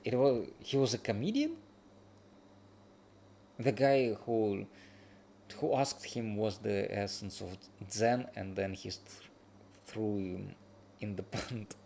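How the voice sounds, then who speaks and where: A tired man chatting casually as he reacts to a video, in halting, drifting phrases. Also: on the low side, creaky, a little mellow, a little hiss or hum. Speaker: streamer reacting to a video review. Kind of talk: casual late-night reaction chat.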